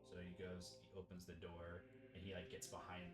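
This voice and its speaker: A man's voice: low-pitched, completely flat delivery, normal speed, loud music behind the voice. A man acting as game master, narrating combat in a casual way that often breaks into laughter. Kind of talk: running a tabletop game session.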